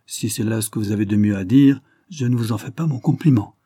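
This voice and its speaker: A man's voice: mid-range voice, fairly quick, dark tone, husky, dry recording, pitched above the performer's own voice. A man reading a harsh, scornful squire. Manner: harsh, curt, mocking. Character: stern older male squire, harsh and scornful. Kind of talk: audiobook reading.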